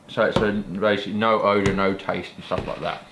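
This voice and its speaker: This deep-voiced British man keeps a steady tone and a fairly quick pace as he shows his pipes and tobacco to camera. His talk is loose, colloquial and rambling, with a bit of mild swearing, in the style of a hobby vlogger. Faint background noise and a roomy echo come through.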